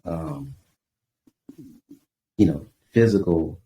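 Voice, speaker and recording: A man from Tucson, Arizona, a guest author, talking in a relaxed, reflective way on a podcast. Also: rumbling low, drawn-out words. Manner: reflective, easygoing, uses "you know" a lot. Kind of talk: casual podcast interview. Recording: echoey room with faint background noise.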